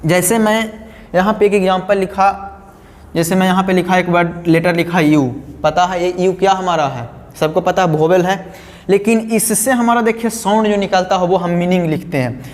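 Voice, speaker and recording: A man's voice: high voice, steady tone, normal speed, a little mellow. A male teacher, giving a grammar lesson step by step and often asking his students questions. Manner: explains step by step, repeats key words, asks the class questions. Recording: long hall reverb.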